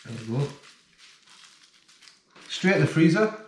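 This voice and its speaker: Filmed indoors at home, first in the kitchen and then the living room, this Englishman in his forties runs a fishing channel and thanks viewers in a chatty, plain-spoken vlog. His voice is a little high, sing-song and a little mellow, and he talks a little slowly. There's slight background noise and the acoustics are roomy.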